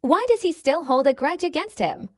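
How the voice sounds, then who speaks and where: A woman voicing a loyal, gruff male pirate ship doctor in an audiobook, with a lowered, blunt, muttering manner. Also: sing-song, normal speed, darkish tone, no room sound, studio quality. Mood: grumbling. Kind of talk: audiobook character voice.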